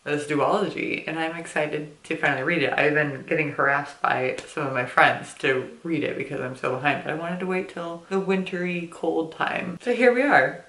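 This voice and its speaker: An American woman vlogs in a casual, chatty way with a fairly low voice. She has retainers in, so her speech is slightly lisped. The room adds a noticeable echo. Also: moderate pace, hardly any pauses, fairly bright tone. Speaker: book vlogger. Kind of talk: casual chatty vlog to camera. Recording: roomy, echoing indoor sound.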